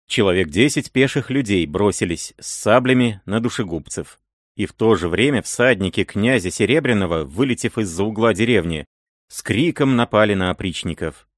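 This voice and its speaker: Male audiobook narrator, measured, expressive, low voice, dry mic. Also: no room sound. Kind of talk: classic novel reading.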